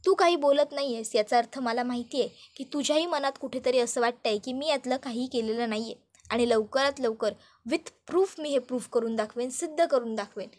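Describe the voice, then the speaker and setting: A woman voicing a calm businessman who speaks in a measured, reassuring way. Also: sits high, lightly acted. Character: calm jailed businessman, steady older brother.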